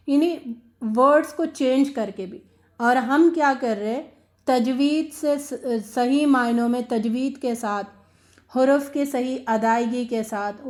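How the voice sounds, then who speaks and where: A woman giving a religious lesson on Quran recitation, earnest and questioning, repeating phrases for emphasis and mixing in English words. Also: a little high. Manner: mixes English words into speech. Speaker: Quran teacher. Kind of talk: religious lecture.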